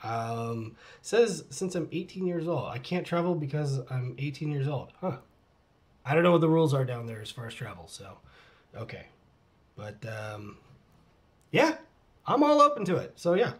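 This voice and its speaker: A middle-aged man with a fairly high, sing-song voice speaks at a moderate pace. He's a channel host at home with his cat, casually reading fan comments and answering questions, laughing often and slipping into muttered asides.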